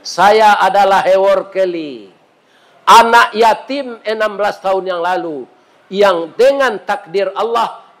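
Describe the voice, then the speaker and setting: A man voicing a devout, grateful doctor who prays and speaks in a solemn, pleading tone. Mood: gentle, solemn. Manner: solemn, pleading prayer in a lowered voice.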